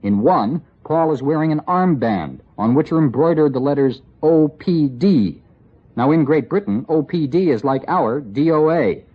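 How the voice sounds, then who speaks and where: A man's voice: fairly high pitch, lively intonation, normal speed, breathy edge. A man narrating a scripted radio report with wry, dry asides. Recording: lo-fi 1960s radio broadcast.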